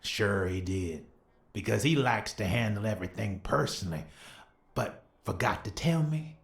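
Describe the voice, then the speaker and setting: A man's voice: on the low side, expressive, normal speed, creaky, reverberant. An actor playing a skeptical male detective in a video game, asking sardonic, probing questions.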